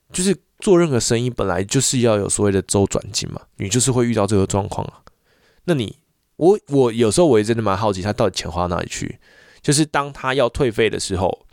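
A man's voice: on the low side, creaky, no echo, clean studio sound. A man, a voice teacher, ranting in a casual monologue full of repeats and restarts. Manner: animated, repetitive ranting with frequent restarts.

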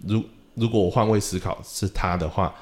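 Man, casual podcast chat, fairly low voice, lively storytelling manner. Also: a little fast. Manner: animated storyteller who acts out dialogue. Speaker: podcast host and drum teacher.

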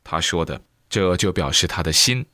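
Low-voiced man reading a Buddhist book aloud. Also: moderate pace, no room sound, studio quality. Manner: lively storytelling with exclamations. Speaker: reader.

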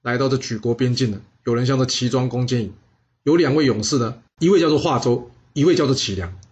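A man narrating a historical story in a lively, dramatic way. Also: mid-range voice, fast talker, highs cut off.

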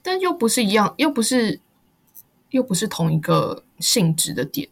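A woman asking short, casual questions as an interviewer in a relaxed chat. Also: a little high, moderate pace, creaky, slightly rough.

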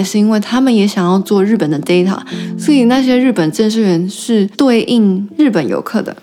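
A woman's voice: medium pitch, warm tone. Taiwanese woman chatting casually, slightly impeded diction. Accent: Taiwanese Mandarin. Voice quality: slightly impeded articulation from wearing braces. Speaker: podcast host. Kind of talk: casual solo storytelling chat.

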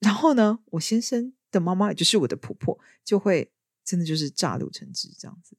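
Lively woman telling stories, dry sound. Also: lowish voice, a little fast, no echo. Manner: lively storyteller. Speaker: podcast host. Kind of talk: casual chat.

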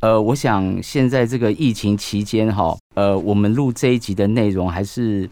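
A man's voice: fairly low pitch, moderate pace, mellow, dry recording. A man with a Taiwanese Mandarin accent, a traditional medicine doctor, explaining things conversationally in a didactic way with many rhetorical questions. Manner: didactic, rhetorical questions, frequent sentence-end particles. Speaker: traditional Chinese medicine doctor, podcast guest.

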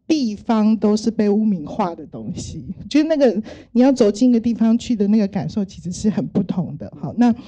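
Brief: middle-aged woman, Taiwanese Mandarin accent, very mellow dark tone, unhurried reflective storyteller. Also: medium pitch, animated. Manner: gentle, thoughtful, many soft fillers. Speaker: speaker sharing work stories.

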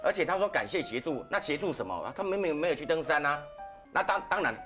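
A man's voice: a little high, lively intonation, fast, sharp tone. A man casually telling a ghost story on a podcast, chatty, with frequent "ha" particles. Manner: chatty, laughs between lines, frequent "ha" particles. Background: background music.

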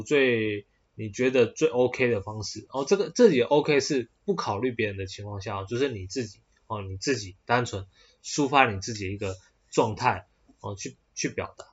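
Taiwanese-accented male podcast host, mid-pitched and husky, talks in loose rambling bursts full of fillers, dull lo-fi sound. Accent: Taiwanese Mandarin. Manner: rambling, with many hesitant fillers and restarts. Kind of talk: casual solo podcast talk.

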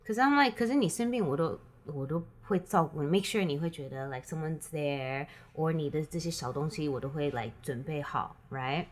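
A woman's voice: low-pitched, a little fast, hardly any pauses. A woman telling a story in casual chat, switching often between Mandarin and English.

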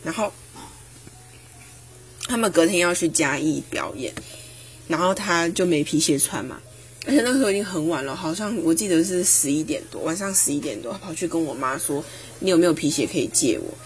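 Woman, 20s, solo podcast host; emphatic, animated delivery. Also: low-pitched, brisk, slight background noise. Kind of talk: personal reflective monologue.

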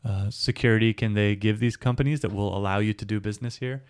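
A man's voice: on the low side, fairly even intonation, fast, smooth, no echo, studio quality. A man co-hosting a casual discussion podcast, explaining his views at length with everyday analogies. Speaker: podcast co-host.

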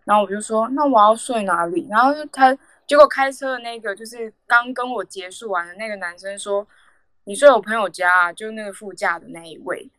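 A woman's voice: fairly high pitch, brisk, few pauses, a bit bright, no echo. A young woman, rambling through a casual story on a podcast with many fillers and restarts. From Taiwan. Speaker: podcast co-host.

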